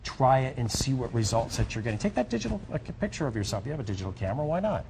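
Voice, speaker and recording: A middle-aged man giving a home shopping host's sales pitch, chatty and repetitive, urging listeners directly. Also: sing-song, very fast, gravelly, a little mellow, a little hiss or hum.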